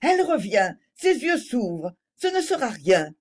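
A woman's voice: a little high, big pitch swings, measured pace, a little mellow. Woman reading as an emotional aristocratic lady. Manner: emotional, pleading. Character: flustered aristocratic lady, tender and excitable.

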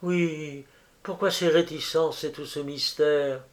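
A man's voice: on the high side, steady tone, takes it slowly, voice pushed up. A man reading aloud as an anguished, insistent young woman, raising his voice in pleading emotion.

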